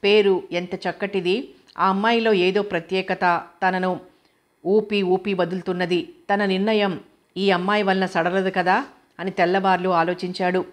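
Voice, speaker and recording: A woman narrating a novel as an audiobook reader, in a steady, measured storytelling manner. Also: mid-range voice.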